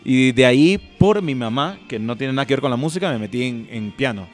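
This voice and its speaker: A young man from Ecuador, chatting as a musician guest in a relaxed, rambling way full of fillers. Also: mid-range voice, fairly quick, faint music behind. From Guayaquil, Ecuador. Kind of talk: casual interview chat.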